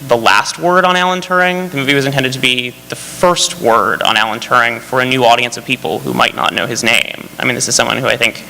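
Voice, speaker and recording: A male screenwriter talks eagerly on a festival panel and rambles through fillers and restarts. His voice is bright and forward. A long hall reverb and a faint hum surround him. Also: mid-range voice, a little fast, vocal fry, hardly any pauses. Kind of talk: panel discussion.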